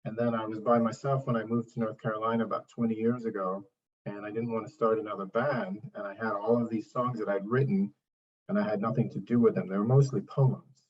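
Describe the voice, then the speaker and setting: A man's voice: lowish voice, little pitch movement, brisk, darkish tone, slightly rough, far from the mic, dull audio. A middle-aged man from Trinidad and Tobago, a singer-songwriter answering interview questions in a thoughtful, rambling, self-deprecating way. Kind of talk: relaxed interview talk.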